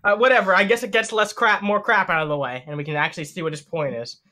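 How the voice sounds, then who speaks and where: A man with a high, bright voice riffs through comedic reaction commentary. He is excitable and profane and often breaks into laughter mid-sentence. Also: fast. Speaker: reaction show host.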